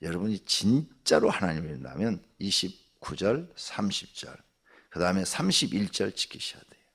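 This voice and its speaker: An older man, a pastor, preaching a conversational early-morning sermon, jumping between loud exclamations and near-whispers. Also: low-pitched, very animated, normal speed, slightly rough. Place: church sanctuary.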